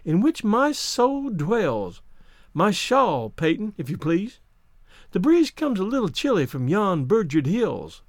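A male narrator voicing a genteel, dreamy elderly lady poetess who speaks slowly and lilts through her verse. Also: medium pitch, very animated, darkish tone, dry recording, studio quality, voice pushed up. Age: older. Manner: wistful, poetic, slow and lilting.

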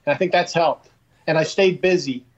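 A man guest talking casually in a halting, self-deprecating way, often repeating words. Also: fairly high pitch, highs cut off. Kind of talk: casual interview talk.

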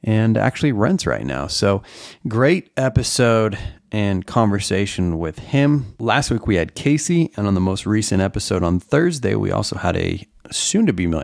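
Low gravelly male podcast host. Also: dry recording, clean studio sound. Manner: casual, relaxed, filler-heavy. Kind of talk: podcast intro monologue.

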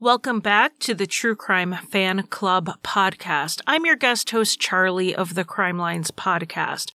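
A woman's voice: mid-range voice, expressive, slow pace, sharp tone, no room sound, studio quality. A woman guest-hosting a podcast, reading scripted narration as a true crime narrator.

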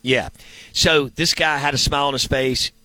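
A male sports talk host with an ordinary mid-range voice, recorded dry and close. He talks casually in a rambling way, thinking out loud and checking himself with questions. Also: medium pitch, fairly even intonation, normal speed, no echo, rough recording. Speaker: sports radio show host.

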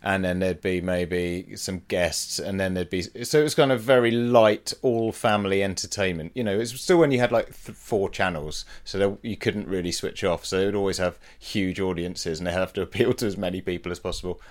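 Wry, low-voiced man hosting a podcast. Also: fairly even intonation, fairly quick, hardly any pauses. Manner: wry, rambling, laughs often. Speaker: podcast host. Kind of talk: casual podcast chat.

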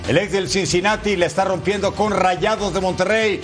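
A man presenting sports highlights with energetic, emphatic commentary. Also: normal speed. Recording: music underneath.

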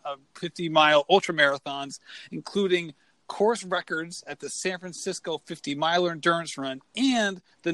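A man with a somewhat high, slightly bright voice, recorded with no room sound, runs a podcast about running. He chats casually with his guest, introducing and interviewing him eagerly while rambling somewhat.

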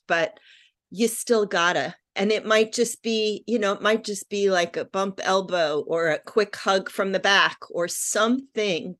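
Slow-paced woman podcast host; relaxed and affirming. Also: mid-range voice. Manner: relaxed, thinking aloud, with frequent affirmations. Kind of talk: conversational podcast discussion.

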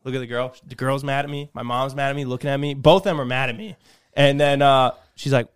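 A man's voice: medium pitch, steady tone, fast talker, clean tone. A young man co-hosting a podcast, telling a rambling story in casual chat with frequent laughs. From United States. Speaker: podcast host.

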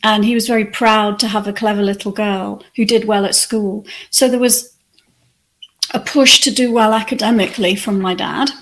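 A woman from England, reflecting on her life as an interview guest in a soft, thoughtful way. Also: mid-range voice, fairly even intonation, moderate pace. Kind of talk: conversational interview.

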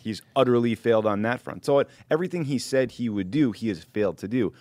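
A man's voice: mid-range voice, fast, mellow, no echo. A man co-hosting opinionated political chat in a blunt, critical way. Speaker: political podcast co-host.

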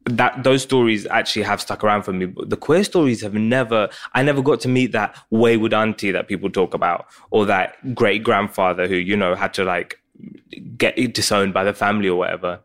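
Joking, low-voiced comedian guest. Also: male voice, brisk. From Pakistan, raised in England. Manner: animated, joking storyteller. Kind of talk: casual interview chat.

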